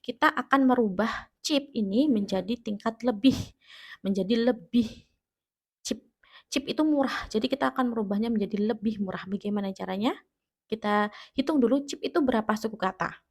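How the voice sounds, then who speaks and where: A woman's voice: a little high, a little fast, darkish tone. A woman with an Indonesian accent teaching an English grammar lesson, explaining patiently and often correcting herself mid-word. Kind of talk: classroom grammar lesson for students at home.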